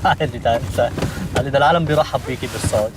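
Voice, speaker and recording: Actor playing a rapid-fire mocking Egyptian hustler. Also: male voice, medium pitch, far from the mic, very noisy, close to an everyday voice. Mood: teasing. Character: fast-talking boastful male hustler driver. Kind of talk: comedy series acting.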